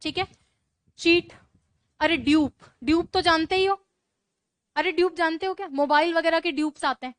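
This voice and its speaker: A woman teaching English vocabulary in a classroom lecture, chatty and brisk, peppering her students with rhetorical questions. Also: very high-pitched, no room sound.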